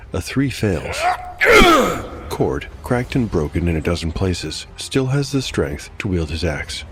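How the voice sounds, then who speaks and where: A deep-voiced man acts as game master for a solo tabletop game, moving between dramatic storytelling and wry asides about the dice. Background music plays, and there is heavy background noise.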